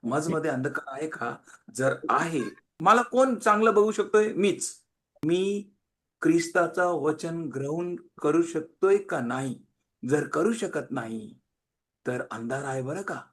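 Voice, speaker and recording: A man preaching a sermon, emphatic, swinging between loud and quiet and repeating phrases in long lists. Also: on the high side, animated, slow pace.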